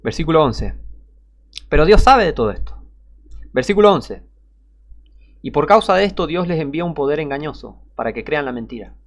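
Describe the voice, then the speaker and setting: A man preaches a combative sermon, reading Bible verses between scornful jabs. His voice sits a little high for a man. He drops into low, biting mutters and climbs back up into loud warnings. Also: expressive, a little fast, pauses often, dull audio.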